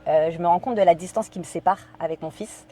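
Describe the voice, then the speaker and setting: A woman from France speaks as a podcast guest, recounting a personal story. Her voice sits low and sounds mellow. She hesitates often, fills gaps with fillers and quotes her own thoughts aloud. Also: fast.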